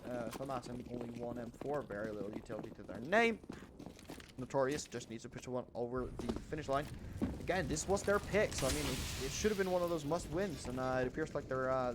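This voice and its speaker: An excitable male esports caster gives live play-by-play of a shooter game, with game gunfire and other noise behind him. His pitch and volume climb during fights, then settle into calm between rounds.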